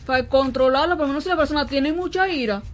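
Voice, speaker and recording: High-voiced Venezuelan woman, halting. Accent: Venezuelan Spanish. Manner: hesitant, halting, searches for words. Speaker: radio co-host. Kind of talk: casual studio chat.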